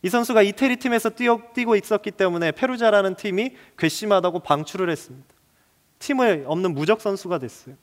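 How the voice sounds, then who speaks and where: High-voiced male pastor preaching. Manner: dramatic, shifting between hushed and loud passages. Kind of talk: sermon.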